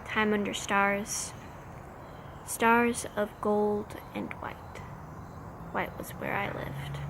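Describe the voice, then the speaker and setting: A slam poet recites slowly and unhurriedly in a mid-pitched woman's voice with noticeable vocal fry. She places each short phrase with measured care, while faint noise sits in the background.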